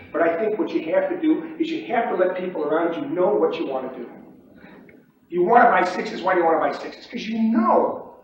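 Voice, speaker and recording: A man teaching bond pit trading in an informal lecture, emphatic, asking "okay?" often and acting out pit calls. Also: fairly high pitch. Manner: emphatic, repeats "okay?" and acts out pit shouts. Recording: distant, dull, echoey room recording with faint noise.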